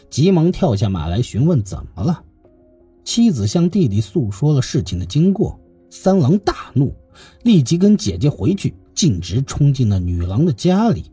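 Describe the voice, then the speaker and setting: A male storyteller reads a classical tale with a very lively, swooping melody. His voice is dark and husky, recorded close and dry, and faint music plays beneath him. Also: fairly high pitch. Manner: lively expressive reading. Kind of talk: scripted narration of a classical tale.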